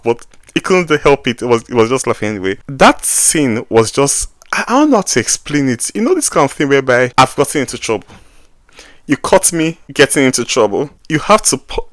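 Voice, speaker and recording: A young man with a Nigerian accent tells a personal story in an animated, talkative way. His voice leaps from loud, excited bursts down to quiet, muttered asides. His voice sits at an everyday middle pitch and is recorded close and dry, with no room sound. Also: no echo. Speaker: vlogger.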